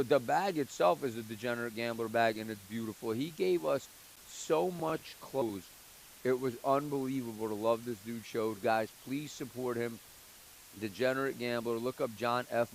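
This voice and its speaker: Pool hustler guy on the phone, gets loud n curses a lot, faint hiss behind him. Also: mid-range voice, gravelly, poor audio. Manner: animated, swearing, talks fast when excited. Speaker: pool player. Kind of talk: casual phone interview.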